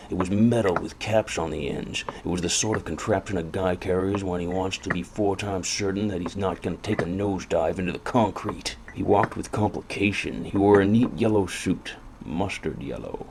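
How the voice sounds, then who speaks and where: A man plays a noir private eye in a very low, gloomy, world-weary voice, with clear background noise behind him. He delivers hard-boiled narration and dry retorts in a brooding deadpan.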